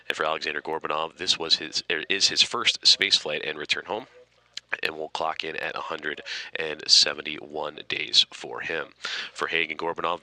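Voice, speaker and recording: A man giving live spaceflight commentary as a mission control announcer, in a measured, formal, explanatory manner. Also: rumbling low, sharp tone, dry recording.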